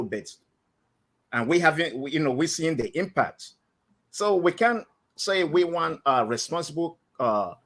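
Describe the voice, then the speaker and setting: A Nigerian man calls in to a live stream show, speaking with a Nigerian accent. His voice is mid-range and fairly bright, and he talks hesitantly, with many fillers and restarts.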